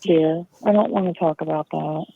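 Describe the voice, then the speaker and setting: A woman talking gently and soothingly to an inmate over a prison phone line. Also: sits low, normal speed, creaky, no echo. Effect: heard over a prison phone line. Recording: tinny phone line with faint hiss.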